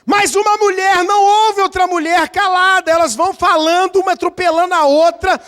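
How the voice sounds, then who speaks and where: A Brazilian pastor preaches in an unusually high voice for a man, with a Brazilian Portuguese accent. He tells lively stories, acts out small scenes and counts aloud to drive home his point. His words ring out into a long church reverb. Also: moderate pace. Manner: animated storytelling, acting out scenes and counting aloud. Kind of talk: sermon. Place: church sanctuary.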